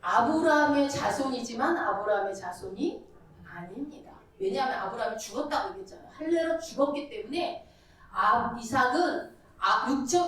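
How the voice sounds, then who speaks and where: A woman preacher giving a lively, conversational sermon full of rhetorical questions, heard from far off in an echoey church. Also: on the high side. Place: church sanctuary.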